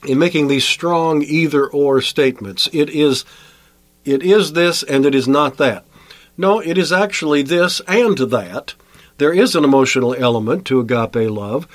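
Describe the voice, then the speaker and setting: A man preaching a sermon as a pastor, emphatic, with sharp rises in pitch on key words. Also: dry recording.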